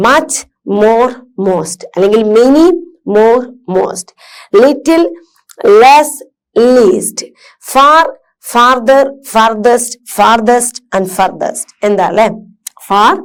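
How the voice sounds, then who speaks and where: A woman teacher patiently explaining grammar to children, asking and answering her own questions. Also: a little high. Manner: patient, asks and answers her own questions, mixes English terms into Malayalam.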